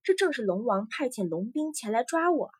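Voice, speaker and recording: Gentle, tearful young sea maiden read by a woman; soft, pleading, slightly raised pitch. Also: sing-song, brisk, slightly rough, dry recording, studio quality. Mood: tender.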